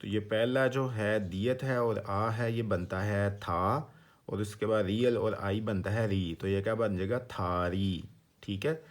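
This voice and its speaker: This is a man, teaching a relaxed vocabulary lesson. He is patient and breaks every word into its sounds, repeats it slowly, and keeps checking that his listeners are following. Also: fairly low pitch. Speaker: language teacher. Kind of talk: casual explanatory lesson.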